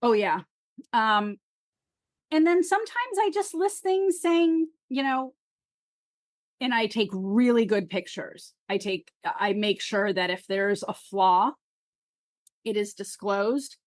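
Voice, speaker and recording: A woman's voice: medium pitch, expressive, slow pace, pauses often, dry recording, studio quality. A woman from California, a guest on a podcast, chatting in a friendly, agreeable way and often saying yes. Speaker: guest seller. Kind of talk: casual chat on a podcast.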